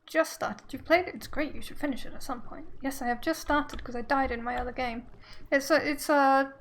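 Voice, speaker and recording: A woman's voice: high-pitched, fairly even intonation, brisk, a bit bright, slight background noise. A woman giving casual let's play commentary on a story game, chatting as she plays. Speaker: video game streamer playing a story game.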